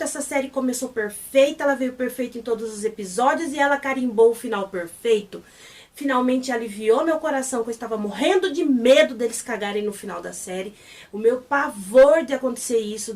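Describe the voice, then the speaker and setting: A Brazilian woman hosts a casual review vlog and retells the story in a gushing, excitable way. Her voice sits a little high. She is set back a little from the microphone. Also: far from the mic. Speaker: channel host reviewing a series.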